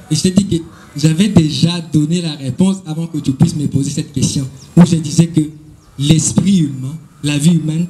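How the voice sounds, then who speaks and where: A man's voice: on the high side, dark tone, poor audio. A man with a Congolese French accent answering questions at a school event, explaining at length and switching between Latin and French with frequent hesitations.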